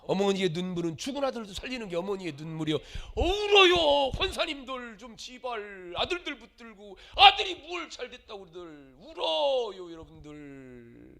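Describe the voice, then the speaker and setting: A man preaching a sermon as pastor, dramatic, acting out the voices of the people in his stories, swinging from shouts to murmurs. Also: high voice, big pitch swings, fairly quick, gravelly, hardly any pauses.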